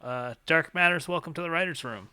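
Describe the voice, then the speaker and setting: A man co-hosts a comedy call-in show, riffing playfully. His tone is very bright and cutting. The sound is dry and close. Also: a little fast, smooth, no echo. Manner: playful, rambling pitches. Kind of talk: improvised comedy talk.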